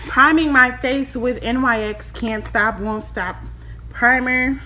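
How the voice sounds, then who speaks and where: Giggly, tipsy young woman, bright voice. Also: on the high side, steady tone, takes it slowly, a little hiss or hum, low-quality recording. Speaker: vlogger giving a makeup tutorial. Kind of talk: casual chat to camera. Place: small room at home, indoors.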